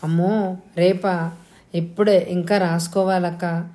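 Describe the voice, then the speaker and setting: A woman's voice: lowish voice, level tone, takes it slowly, mellow. A woman reading an audio novel, voicing an anxious young student begging her elder sister and mother. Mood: pleading. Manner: pleading, anxious.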